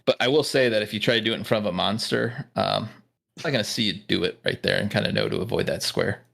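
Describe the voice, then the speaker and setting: A man running a tabletop game as game master, explaining rules in a relaxed way with many fillers. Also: fairly low pitch, quick pace, creaky.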